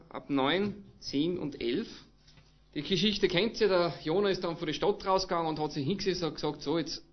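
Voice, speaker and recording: A man with an Austrian German accent delivers a sermon in a lively storytelling manner. He acts out dialogue and drops casual dialect words. His slightly raised voice comes through a dull, lo-fi recording. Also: on the high side. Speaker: preacher.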